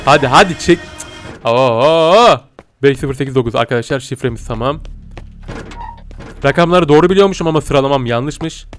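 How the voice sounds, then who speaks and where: A man giving casual gameplay commentary and talking straight to his viewers, swinging between muttering and yelling. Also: mid-range voice, moderate pace, long pauses, faint music behind. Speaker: gaming video host.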